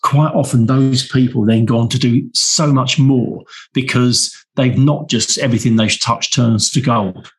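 A man hosting a talk show, responding to a guest's story in a measured, reflective way. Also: mid-range voice, fairly even intonation, husky. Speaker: podcast host. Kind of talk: casual conversation.

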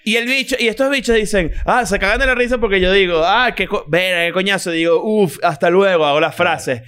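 A man with a Venezuelan accent, co-hosting a casual chat among friends, loud and teasing and swearing freely. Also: high-pitched, a little fast, clean tone.

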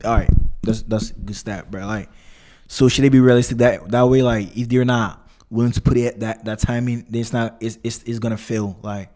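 A man's voice: medium pitch, steady tone, moderate pace, darkish tone. A young man chatting casually in a slangy frat-bro manner, rambling and repeating himself. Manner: frat-bro slangy talk, constantly saying "bro"; rambling, repetitive, loose phrasing. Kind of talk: casual conversation.

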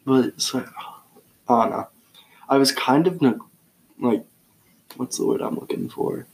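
Teen male podcast co-host, gravelly mid-pitched voice, relaxed and rambling. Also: a little slow, low-quality recording. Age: teens. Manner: relaxed, rambling, searches for words. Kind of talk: casual podcast chat.

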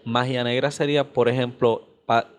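A man's voice: medium pitch, flat delivery, normal speed, smooth. A man interviewing a guest, asking curious follow-up questions with casual fillers.

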